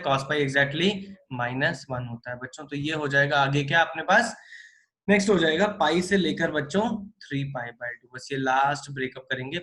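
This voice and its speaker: A man teaching math in a live class, talking with animated energy and coaxing his students along. His voice sits a little high for a man. He jokes, scolds lightly and keeps pushing the students forward. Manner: animated, coaxing students, calls them kids. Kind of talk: live online class lecture.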